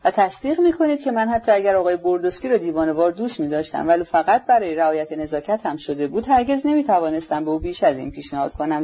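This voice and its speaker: Brief: woman audiobook narrator, husky, mid pitch, dull lo-fi recording. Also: dark tone.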